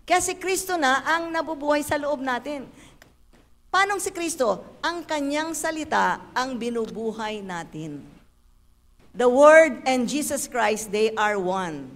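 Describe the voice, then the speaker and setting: A woman, giving a lively, playful church testimony. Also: sits high, slow pace, long reverb tail. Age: 70s. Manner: animated, playful storytelling with acted dialogue. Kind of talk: sermon testimony.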